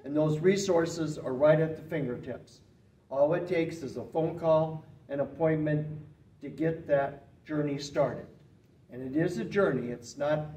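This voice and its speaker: Older man, earnest and emphatic, mellow darker voice, roomy distant sound. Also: on the high side. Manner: earnest, emphatic, steady explanatory delivery. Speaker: retired farm management professor, guest expert. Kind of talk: interview answers. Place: small indoor studio room. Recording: roomy, slightly distant, faint hiss.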